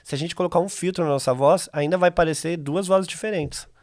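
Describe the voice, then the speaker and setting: A man's voice: a little high, a little fast, darkish tone, no room sound, studio quality. A Brazilian man speaking as a podcast guest, explaining things in a conversational way with practical examples. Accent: Brazilian Portuguese. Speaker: podcast guest, voice company CEO. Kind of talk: conversational interview.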